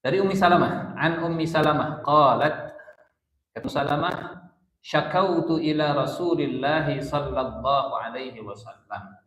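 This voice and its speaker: A man's voice: fairly high pitch, a little slow, a bit bright, roomy sound, low-quality recording. A man with a Sundanese-inflected Indonesian accent teaching a Quran study circle, explaining verses and chanting Arabic recitation. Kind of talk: Islamic study lecture.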